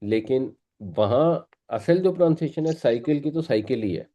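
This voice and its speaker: A man gives a classroom lesson, explaining each point patiently and repeating words for his students. His mid-pitched voice is mellow and warm. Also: animated, muffled recording. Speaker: Quran teacher.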